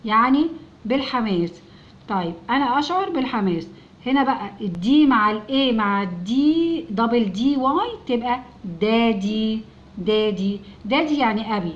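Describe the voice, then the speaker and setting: A woman's voice: fairly high pitch, animated, lo-fi sound. Patient Egyptian woman teaching phonics. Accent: Egyptian Arabic. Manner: patient, spells out each letter sound and repeats words slowly. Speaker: English teacher for young children. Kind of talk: step-by-step phonics lesson.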